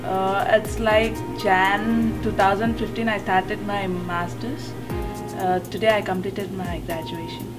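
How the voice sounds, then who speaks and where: A young woman with an Indian English accent, a new graduate speaking in a measured, plain way. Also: mid-range voice, steady tone. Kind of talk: testimonial interview. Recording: distant mic, background music.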